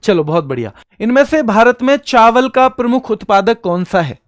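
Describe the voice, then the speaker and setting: A man's voice: sits high, sing-song, moderate pace, dry recording. Man drilling students in a dry lesson. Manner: quizzing students, calling them beta and bhaiya; repetitive drilling, answers his own questions. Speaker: exam coaching teacher. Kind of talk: online exam-prep lecture.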